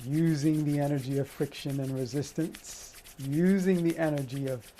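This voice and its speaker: A man leading a qigong energy meditation and prayer as an instructor, with an unhurried, encouraging, spiritual way of talking. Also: on the high side, fairly even intonation, warm tone, slight background noise, low-quality recording.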